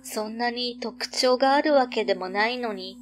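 A woman reading a scripted ghost story as narrator, measured and suspenseful, pausing between short phrases. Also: a little high, soft background music.

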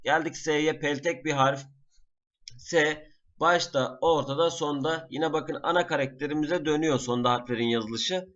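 A man teaching a class in a screen-recorded lesson, patiently naming each item slowly and repeating it. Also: on the high side, fairly bright tone, lo-fi sound. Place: at a computer.

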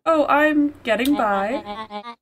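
An earnest young boy, voiced by a woman in a storybook game. He sounds mild, polite and plain-spoken, in a higher voice with music behind. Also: drawn-out words. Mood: polite, guarded.

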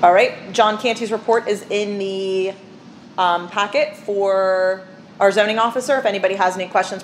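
Chairing a village council meeting, a woman mayor with a mid-range voice moves briskly through the agenda, speaking casually and using many fillers. There's slight background noise.

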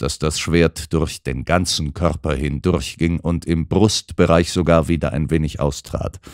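A man voicing a calm, shrewd gentleman detective who lays out his reasoning in measured, precise sentences, in an audiobook. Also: a bass voice, dry recording, studio quality. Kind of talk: audiobook character voice.

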